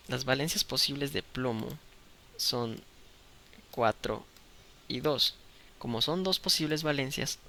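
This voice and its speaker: A man teaches an online chemistry lesson, speaking close to the mic. His voice is gravelly and bright, with a crisp edge. He explains patiently and keeps checking that the students are following. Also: mid-range voice. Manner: patient, checks understanding with "¿de acuerdo?".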